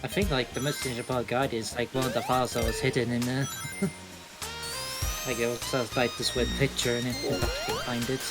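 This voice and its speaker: A man's voice: mid-range voice, rough recording. A young man co-hosting a live game stream, chatting casually, joking and laughing a lot. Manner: joking, laughs often, quick asides. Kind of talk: casual chat over gameplay. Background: game music.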